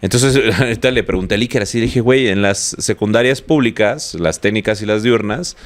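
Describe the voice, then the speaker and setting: A man's voice: on the low side, brisk. A young Mexican man co-hosting a podcast, chatting casually with a posh, slangy way of talking. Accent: Mexican Spanish. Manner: relaxed, slangy, says he talks posh. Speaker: podcast co-host. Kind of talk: casual chat.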